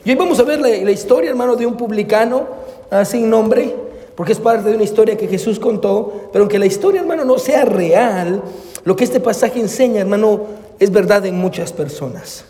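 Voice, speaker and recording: Warm high-voiced pastor in a reverberant hall. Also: male voice, brisk. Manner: fills every phrase with amén and hermano; slips into English phrases. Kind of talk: sermon.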